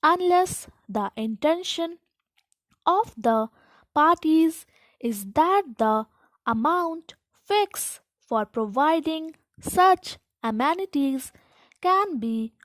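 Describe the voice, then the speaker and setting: Slow, high-pitched woman reading dictation. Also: lively intonation, dry recording, low-quality recording. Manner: deliberate, halting phrase-by-phrase reading. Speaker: dictation instructor. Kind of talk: slow school dictation, read aloud in short measured phrases.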